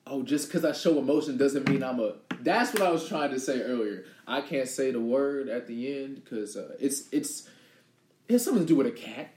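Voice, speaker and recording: A man co-hosting a podcast, chatting casually and reeling off lists in a relaxed, laid-back way. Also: medium pitch, moderate pace, slight background noise. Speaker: podcast co-host. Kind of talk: casual chat. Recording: roomy echo.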